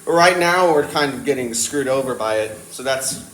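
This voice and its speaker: Teenage male, casual solo rambling, hesitant stop-start delivery, middle pitch, echoey room, faint background noise. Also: expressive, moderate pace, a bit bright. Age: teenager, born around 2010. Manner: hesitant, stop-start, wandering train of thought. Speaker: vlogger. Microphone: talking to a tablet.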